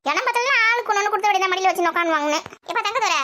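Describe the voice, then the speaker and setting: A woman's voice: extremely high pitch, background noise. A woman, playing a village housewife who nags and scolds in everyday family banter. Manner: scolding, nagging, quick back-and-forth.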